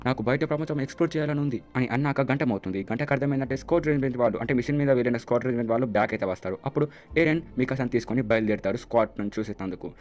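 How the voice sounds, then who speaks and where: Fast-talking man recapping anime. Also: mid-range voice, a little mellow. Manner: chatty storytelling, acts out character quotes. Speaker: YouTube channel host. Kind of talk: casual anime episode recap.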